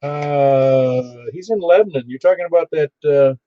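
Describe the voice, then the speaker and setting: Male net controller, fairly high mellow voice, halting easygoing roll call, dull ham radio audio. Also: no room sound. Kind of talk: informal radio roll call with phonetic call signs.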